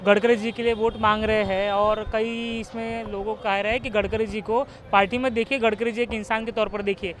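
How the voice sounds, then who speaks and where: A man's voice: high voice, little pitch movement, a little fast, few pauses, fairly bright tone. A man reporting on a city street, putting challenging questions to the people he interviews. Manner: challenging, pushes back with questions.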